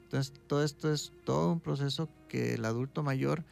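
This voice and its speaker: A man, a doctor speaking as a guest expert in an interview, calmly explaining and often checking in with a quick "right?". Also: mid-range voice, vocal fry, soft background music. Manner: calm, explaining, tags points with "¿sí?".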